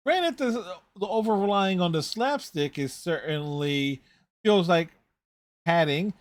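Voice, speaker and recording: A man's voice: high-pitched, a little slow, dry recording. A man hosting a reaction video, giving casual, rambling, conversational running commentary on a TV show.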